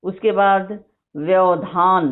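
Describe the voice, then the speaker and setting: A woman teacher dictating a vocabulary list to her class, repeating each word slowly and explaining spelling. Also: fairly low pitch, fairly even intonation. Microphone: phone recording of an online class. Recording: tinny phone-like screen recording.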